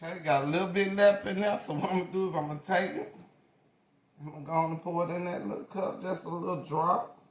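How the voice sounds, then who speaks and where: A fast-talking woman in her forties with a voice on the low side and a steady tone hosts her craft channel's casual hands-on tutorial. She's chatty and folksy, often correcting herself mid-sentence, and the audio carries a roomy echo.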